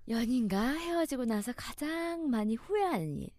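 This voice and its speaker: A woman's voice: on the high side, big pitch swings, moderate pace, a little mellow. A woman reporter co-hosting a dating podcast, chatting in a playful, teasing way. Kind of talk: casual chat.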